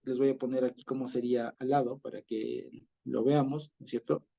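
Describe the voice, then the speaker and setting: A man's voice: medium pitch, level tone, normal speed, creaky, warm tone. A man teaching an online Bible class over a video call, explaining patiently, often checking in with listeners and chuckling as he goes.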